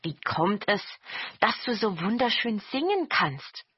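Storybook goblin troupe, eager and flattering, pitched up and pushy, read by a woman. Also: measured pace, muffled recording, soft background music. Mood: coaxing. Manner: high, loud and coaxing.

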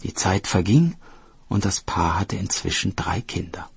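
A man narrating a fairy tale in an expressive, lively reading style. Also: sits low, unhurried, gravelly, breathy edge, dry recording. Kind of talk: storybook narration.

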